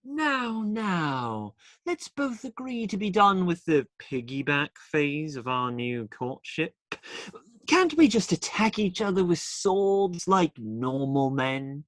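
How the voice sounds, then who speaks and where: In a radio play, a man voices a teasing outlaw, trading cheeky banter with widely swinging pitch in an unhurried, theatrical, heavily acted way. He is very animated and a bit bright, recorded close and dry with no echo.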